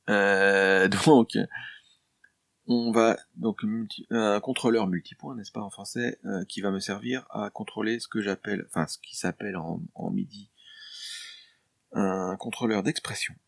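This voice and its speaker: A French composer explains his work at home in an easy, informal way, full of fillers and restarts. His voice sits low and has a gravelly edge. The sound is close and dry, with no room around it. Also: fairly even intonation, measured pace, no echo. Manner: chatty and explanatory, with frequent fillers and self-corrections; addresses the viewer informally, jokes lightly. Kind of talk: casual screen-share tutorial vlog. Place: home, during lockdown.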